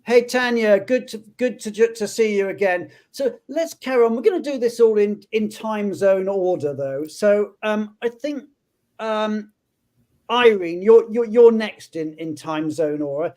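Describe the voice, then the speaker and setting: A man with a high-pitched, darkish voice hosts a live web panel, speaking a little slowly as he introduces guests and asks questions. He's friendly but stammers, frequently repeating words as he restarts.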